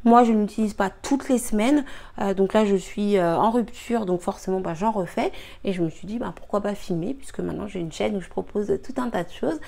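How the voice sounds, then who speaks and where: A slightly fast, mellow mid-range voice with vocal fry belongs to a young woman vlogging about cooking and beauty. Standing in her home kitchen, she walks through a recipe casually, full of fillers, apologizing a lot and sounding a bit tired.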